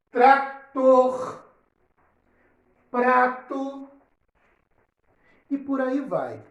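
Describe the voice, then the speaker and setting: A woman teacher gives a lesson to children, saying example words slowly and checking often that they understand. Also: medium pitch. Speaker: primary school teacher. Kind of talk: recorded online lesson. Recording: roomy, echoey recording.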